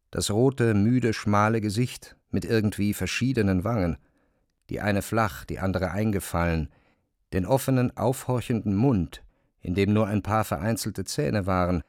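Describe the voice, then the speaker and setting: A man reading literary narration for a radio play, measured and even. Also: on the low side, no echo, clean studio sound.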